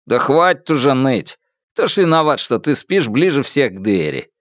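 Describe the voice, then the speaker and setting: The eldest roommate of a student dorm, bossy and joking as he gives orders, voiced by a man. He speaks with a lively lilt, and the read is dry and close. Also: medium pitch, moderate pace, dry recording, lightly acted.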